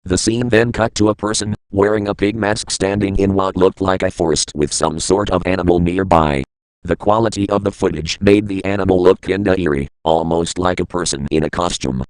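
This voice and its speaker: A man's voice: low voice, fairly even intonation, fairly quick, clear, resonant tone, no echo, poor audio. A man reading a scripted creepypasta as a first-person narrator. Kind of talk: scripted horror story narration.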